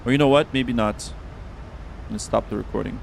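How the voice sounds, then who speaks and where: A man's voice: medium pitch, brisk, vocal fry, a little hiss or hum, low-quality recording. A man hosting a casual flight simulator livestream, talking informally and often repeating his words. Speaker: livestream host.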